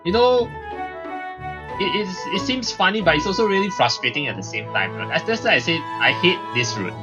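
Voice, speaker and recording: Let's play host, male, ranting commentary, animated voice, laughs a lot, game music up loud. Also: high-pitched, normal speed, highs cut off. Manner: exasperated, ranting, laughing often.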